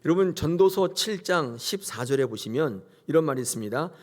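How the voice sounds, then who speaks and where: Male pastor, Sunday sermon; emphatic, animated delivery, acts out quotes, leads repetition. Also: fairly high pitch, a little fast. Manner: emphatic preaching, leads congregation in call-and-repeat; acts out biblical characters in quoted voices.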